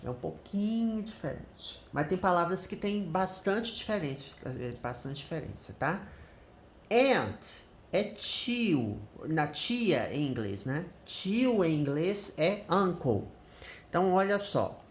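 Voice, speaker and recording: A woman's voice: fairly low pitch, sing-song, takes it slowly, reverberant. A Brazilian Portuguese-accented woman teaching English in a screen-share lesson, thinking aloud and checking in with the viewer often.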